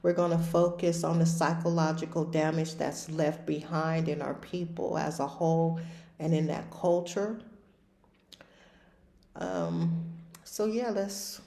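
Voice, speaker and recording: A woman's voice: sits low, steady tone, unhurried, gravelly, mellow, echoey room. A woman in her fifties, a recovery life coach hosting a podcast, talking plainly and directly in casual conversation. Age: 50s.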